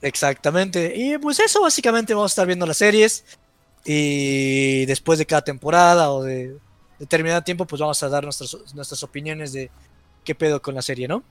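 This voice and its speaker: A man with a Mexican Spanish accent, co-hosting a podcast in relaxed, slangy casual chat. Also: a little high, moderate pace, no room sound. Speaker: podcast co-host.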